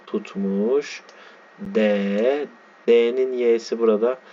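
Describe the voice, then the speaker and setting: A man teaching a lesson, reading a text aloud slowly and spelling out its letters and words as he explains them. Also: mid-range voice, steady tone, warm tone. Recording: dull lo-fi sound with faint background noise.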